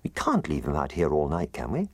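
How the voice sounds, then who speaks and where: A curious little boy asks question after question in a high, eager voice, as a man puts him on. A husky rasp sits under the lifted pitch. The sound is dry and close. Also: huge pitch swings, fairly quick, a little mellow, no room sound, heavily acted.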